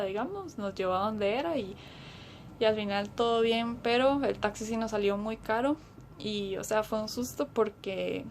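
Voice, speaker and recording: A woman's voice: mid-range voice, a little hiss or hum. A woman casually recounting an experience, hesitating often and acting out the dialogue as she quotes it. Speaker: interviewee. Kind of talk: casual recollection.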